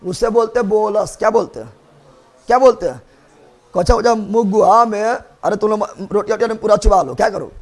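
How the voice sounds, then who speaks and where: Speaking at a moderate pace in a high-pitched voice, a man teaches a biology class. He drills his students with repeated questions and playfully scolds them during the lecture.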